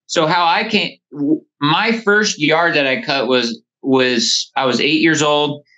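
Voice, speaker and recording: A man in his thirties speaks slowly in a fairly high, pushed, bright voice. He's a lawn care business owner appearing as a podcast guest by phone, rambling through casual stories with frequent "you know"s, and the call sounds dull and band-limited.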